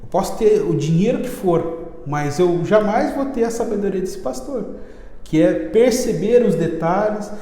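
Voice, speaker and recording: A man with a Brazilian accent voicing a proud, pompous adult king in a told legend, speaking slowly and grandly. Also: high-pitched, lively intonation, mellow. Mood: reflective. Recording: echoey room with long reverb.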